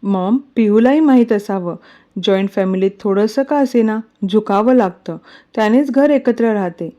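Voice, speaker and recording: A woman reading a story aloud voicing a calm, firm young husband who speaks reassuringly. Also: mid-range voice, moderate pace, dull audio, natural voice. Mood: earnest.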